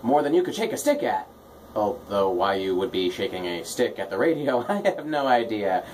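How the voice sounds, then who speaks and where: A man's voice: on the low side, sing-song, moderate pace, darkish tone, slight background noise. A man hosting a radio show with casual comic patter, tongue-in-cheek and self-deprecating. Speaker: radio host, DJ.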